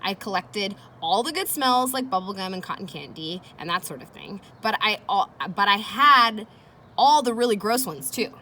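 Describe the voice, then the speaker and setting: In a mid-range voice with lively intonation and a sharp tone, a woman teacher reads a children's chapter book at a moderate pace. She keeps things casual and encouraging with asides and questions to her listeners, over a noisy background of playing children.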